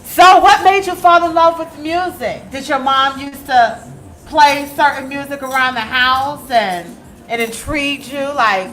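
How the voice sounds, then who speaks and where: Bright high-voiced enthusiastic woman host. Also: measured pace, soft background music. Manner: enthusiastic, slangy, effusive. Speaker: radio host. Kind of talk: casual radio interview.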